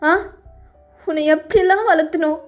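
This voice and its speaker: A hard, unforgiving middle-aged mother lays down the law to her daughter, voiced by a woman. She speaks slowly and cuttingly in a fairly high voice. Faint music runs behind this fan audio drama. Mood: scolding. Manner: scolding, slow and cutting. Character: stern middle-aged mother, harsh and scolding. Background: soft music.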